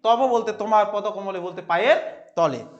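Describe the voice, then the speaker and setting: Man, very high voice, Sanskrit teacher, quizzes the class, repeats key phrases, chants verses slowly, dull lo-fi sound. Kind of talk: classroom lecture explaining verses.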